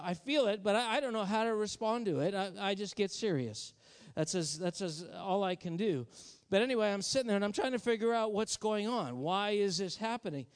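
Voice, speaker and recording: A man preaching a sermon, halting and repeating words at times, then building to impassioned exhortation. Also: sits high, clean tone, in a large hall.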